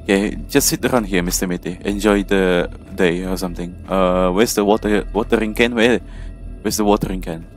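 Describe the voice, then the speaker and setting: A man's voice: sits low, fairly even intonation, a little fast, soft background music. A man commentating on a horror game as he plays, joking and chatting to an in-game companion. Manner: jokey, chats to an in-game companion. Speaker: gamer playing a horror game. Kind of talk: let's play commentary.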